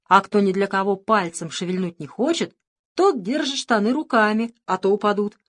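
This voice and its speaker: A woman voicing a caring, patient talking rag doll with a soft, pleading manner. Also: mid-range voice, animated, moderate pace. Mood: tender.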